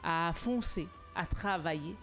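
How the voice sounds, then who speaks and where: A woman co-hosting a studio talk show, speaking in an earnest, motivational way and growing animated when telling anecdotes. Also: on the low side, slow pace, faint music behind. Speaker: TV show co-host.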